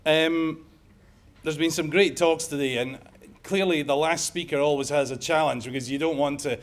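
Here the Scottish professor's voice is fairly high and moves at a normal speed. The middle-aged emergency medicine lecturer, accent clearly Scottish, delivers his conference talk in a lecture room and sprinkles in wry, joking asides.

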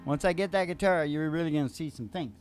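An older man with a fairly high-pitched voice talks fast while hosting a live country music show, rambling through folksy banter with a theatrical showman's flair. He speaks into a stand microphone on a small curtained stage indoors.

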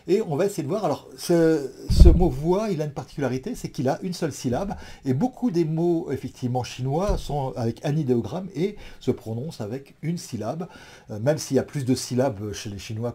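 A man lectures an audience in a very dark, mellow voice with a husky edge. He works through ideas thoughtfully, pausing often, hesitating and restarting his phrases as he goes. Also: mid-range voice. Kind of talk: explanatory talk to an audience.

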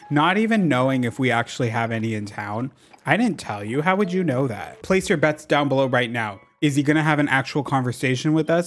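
Sarcastic young-sounding gaming host. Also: male voice, medium pitch. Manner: sarcastic, playful, joking at the characters. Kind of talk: let's play commentary. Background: faint game music.

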